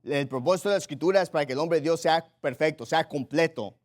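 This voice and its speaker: A man's voice: a little high, quick pace. A pastor preaching a sermon emphatically, repeating his points, checking in with the congregation and reading Bible passages aloud. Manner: directs listeners to Bible passages and reads them aloud.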